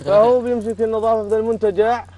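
A man acts out an elderly Bedouin grandfather with a high-pitched voice and a Saudi Bedouin Arabic accent. He talks fast, grumbling, teasing and bossing his young ones around in improvised comedy outdoors. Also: little pitch movement, crowd noise, natural voice. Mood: bossy. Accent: Bedouin Gulf Arabic, Saudi. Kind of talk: improvised comic role-play. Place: outdoor garden seating area.

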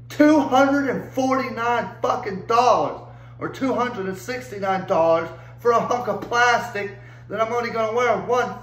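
Profane man ranting, high voice. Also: a bit bright, echoey room, rough recording. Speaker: vlogger. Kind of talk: angry rant to camera.

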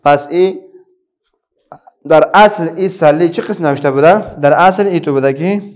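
Teacher, male, Afghan Dari accent, a bit high-pitched, patient question-and-answer classroom delivery with pauses. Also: a little mellow. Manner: asks the pupils questions and answers them himself, with many pauses and fillers. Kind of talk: classroom Quran reading lesson for children.

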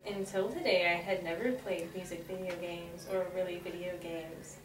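A woman's voice: lowish voice, steady tone, moderate pace. A young woman in her early twenties, a cello student, explaining her thoughts in an interview, recorded by a camera across a small room. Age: young adult. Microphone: camera mic at a distance. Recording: echoey room, far from mic, noisy.

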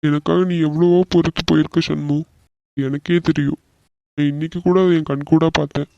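Man voicing a young cartoon husband, quick-tempered yet soft-hearted, emotional, dull dry lo-fi recording. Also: on the high side, flat delivery, vocal fry, no room sound. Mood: remorseful. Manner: emotional, quick to anger and to apologize. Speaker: voice actor. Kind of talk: animated cartoon dialogue.

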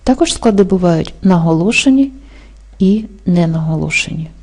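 Calm low-voiced woman teaching a lesson. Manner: slow, careful dictation-like delivery. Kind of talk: exam-prep language lesson.

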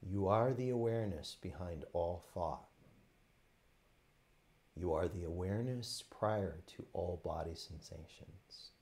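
In the role of a teacher taking students through a practice, a man guides a meditation. His fairly low voice stays soft and unrushed, laying down short phrases and leaving pauses after them.

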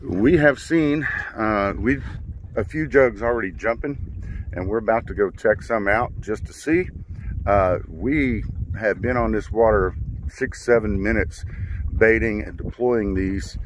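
A man in his forties hosts a casual fishing channel vlog from a small boat on a river, speaking into a handheld phone camera. His voice is on the low side and his pace measured, and he's chatty and upbeat, full of fillers. Outdoor noise from the water and boat comes through.

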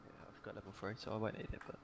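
Gravelly man on noisy voice chat. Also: fairly low pitch, completely flat delivery, very fast. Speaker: teammate. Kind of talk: casual gaming chat.

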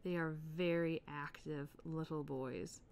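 A woman in her thirties hosting an art tutorial, chatting in a relaxed way while she colors, with soft murmured asides. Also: low-pitched, measured pace, a little hiss or hum. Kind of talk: casual chat while coloring.

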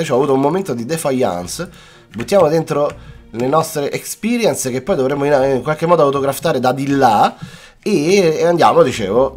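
A young Italian man giving chatty, playful gameplay commentary, talking to his viewers and mixing in English words, with a cough-worn voice. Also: mid-range voice. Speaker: gaming YouTuber. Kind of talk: casual Let's Play commentary. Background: faint background music.

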